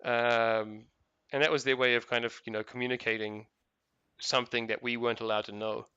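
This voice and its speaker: Bright, crisp New Zealand man rambling. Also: medium pitch, little pitch movement, brisk, no echo, lo-fi sound. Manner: rambling, many fillers and restarts. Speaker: gaming video host. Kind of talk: casual commentary while playing.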